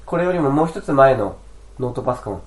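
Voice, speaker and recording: A man's voice: mid-range voice, lively intonation, fast talker, background noise. A man chatting casually on a podcast, rambling and laughing easily. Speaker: podcast editor and co-host. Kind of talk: casual chat.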